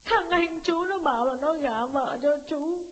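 A woman's voice: high-pitched, measured pace. A woman voicing a betrayed village wife near thirty, who screams insults and wails through tears in a told story. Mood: lamenting. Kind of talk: audiobook drama voice.

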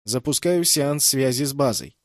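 A man's voice: mid-range voice, lively intonation, moderate pace, no echo, studio quality, close to an everyday voice. A man voicing a terse, touchy female ship computer in an audiobook, with formal, clipped announcements. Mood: official. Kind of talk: audiobook character voice.

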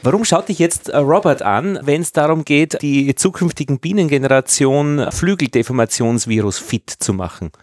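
A man hosting a podcast in casual interview chat, asking quick, curious questions. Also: a little high, animated, darkish tone, no echo, clean studio sound. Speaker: podcast host.

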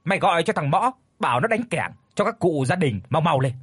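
A man doing a contemptuous old village official, husky, barking. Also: a little high, expressive, fairly quick, a bit bright, dry recording, clean studio sound, exaggerated voice. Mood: scornful.

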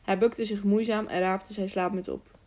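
A woman narrating a children's adventure audiobook. Her delivery is steady and even, in scripted storytelling narration. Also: medium pitch, moderate pace.

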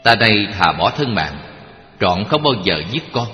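A man voicing a grieving old king, father of the prince, in a lowered, sorrowful delivery. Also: sing-song, moderate pace, muffled recording. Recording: echoey hall with faint music.

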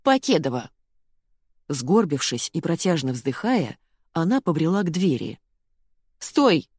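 A woman narrating a first-person comic novel as an audiobook, in a wry and expressive manner. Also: deep voice, moderate pace, breathy edge, no room sound, studio quality.

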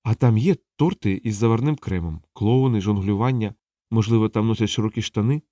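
A man's voice: on the low side, a little fast, dark tone, no room sound, clean studio sound, close to an everyday voice. A man voicing a freshly dead male clown, puzzled and plaintive. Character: dead male clown, bewildered but mild.

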